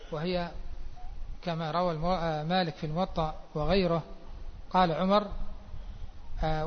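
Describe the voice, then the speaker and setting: A male religious teacher giving a mosque lesson, reading a line of text and then explaining it slowly with pauses. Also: fairly high pitch, slight background noise. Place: large mosque hall. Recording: dull echoey mosque hall recording.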